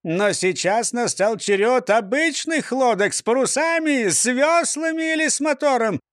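A man voicing a cheerful, excitable small-town mayor in a children's story. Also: very high voice, moderate pace, no room sound, clean studio sound, voice pushed up. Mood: enthusiastic. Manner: cheerful, exclaiming. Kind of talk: audiobook character voice.

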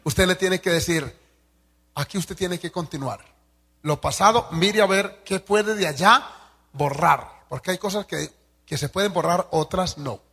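A man preaches to fellow pastors in a slightly high, breathy, husky voice, heard with long reverb from a large hall. He reads out each point deliberately, then drives it home with emphasis and acts out the words of the people in his stories. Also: sharp tone. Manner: reads each point slowly, then explains it emphatically and addresses listeners directly; acts out quoted dialogue from counseling cases. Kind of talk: sermon teaching fellow pastors.

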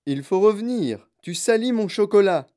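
A narrator voicing an eccentric, excitable man who runs a chocolate factory, pleading in a high, emphatic voice. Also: moderate pace, natural voice. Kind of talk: audiobook character voice.

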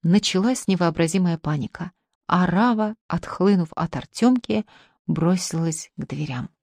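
A woman narrating a novel as an audiobook in a steady, measured, dramatic way. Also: fairly low pitch, gravelly, dry recording, studio quality. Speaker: audiobook reader.

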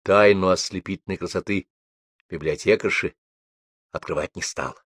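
A man reads a novel aloud in a very deep voice. He keeps a measured, even storytelling pace, and the recording is dry with no room sound. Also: no room sound. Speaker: audiobook reader. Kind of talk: scripted narration of a novel.

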